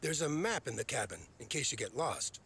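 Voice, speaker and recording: An actor playing a friendly middle-aged mail coworker in a story game, with a husky, easygoing voice. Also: male voice, mid-range voice, animated, brisk, a bit bright, a little hiss or hum.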